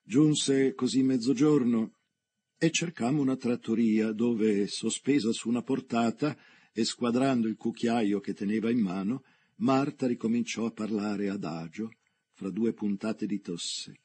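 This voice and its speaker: Casting: male literary narrator, mellow and slightly husky, measured delivery. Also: mid-range voice, fairly even intonation.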